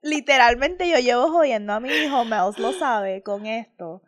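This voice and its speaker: A woman with a Caribbean Spanish accent co-hosting a podcast, chatting casually and laughing while sick with a rough voice. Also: a little high, expressive, normal speed. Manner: laughing, joking, mixes in English phrases. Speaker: podcast co-host. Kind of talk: casual chat.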